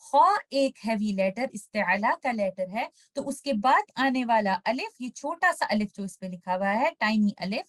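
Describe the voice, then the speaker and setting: A woman with an Urdu accent teaching Tajweed, patiently explaining each rule and then slowly reciting the example words. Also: fairly high pitch, lively intonation. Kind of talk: step-by-step recitation lesson.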